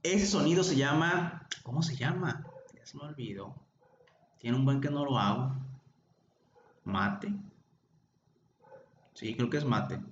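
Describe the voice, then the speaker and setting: A man's voice: mid-range voice, slow pace, long pauses, slight background noise. Mexican guy lecturing med students, jokey, keeps asking them stuff, kinda muffled lo-fi sound. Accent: Mexican Spanish. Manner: chatty, joking, questions students by name. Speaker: medical lecturer. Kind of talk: informal online class. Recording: echoey, dull lo-fi room recording.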